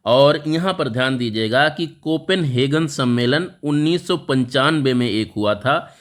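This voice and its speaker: A man at a middle pitch for his voice gives a current affairs lesson as a voice-over for exam students. He explains step by step in a patient, repetitive teaching manner and keeps stressing which facts to remember. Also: fairly bright tone.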